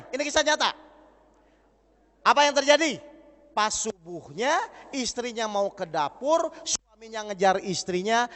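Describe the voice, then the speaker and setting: A man preaching a lively sermon, acting out dialogue and putting questions to the audience. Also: sits high. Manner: animated, acts out dialogue, asks the audience questions. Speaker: Islamic preacher. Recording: long hall reverb.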